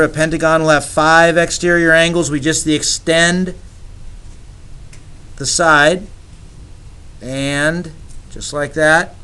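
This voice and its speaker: A man's voice: a little high, bright, forceful tone. A man teaching geometry to a class, upbeat and teasing with his students, in a classroom. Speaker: math teacher. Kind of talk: classroom lecture.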